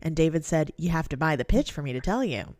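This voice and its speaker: Low-voiced woman reading film notes. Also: lively intonation, fast, darkish tone, no room sound. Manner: reads passages aloud then chats loosely with fillers and swearing. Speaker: podcast co-host. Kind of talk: casual podcast chat and reading notes.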